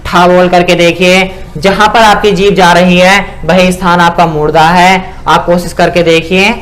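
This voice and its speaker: High-voiced man teaching pronunciation. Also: little pitch movement, fairly bright tone. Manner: repeats "ठीक है ना" and sounds out syllables slowly. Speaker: Sanskrit grammar teacher. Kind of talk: spoken lesson explaining pronunciation.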